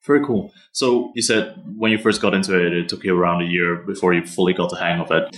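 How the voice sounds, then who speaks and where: A man hosts a podcast, opening with a scripted welcome before moving into questions. His voice sits somewhat low. His tone stays friendly and conversational. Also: fairly even intonation, quick pace, fairly bright tone. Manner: friendly, with scripted intro and short back-channel replies. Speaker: podcast host. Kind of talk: interview hosting.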